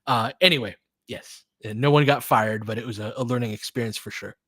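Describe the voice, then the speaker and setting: A man hosts a casual live fan play-by-play of a basketball game, mixing chatty asides with short, clipped calls of the action. His mid-range voice is husky and a bit bright, and he talks fairly quickly. The recording is dry and studio quality.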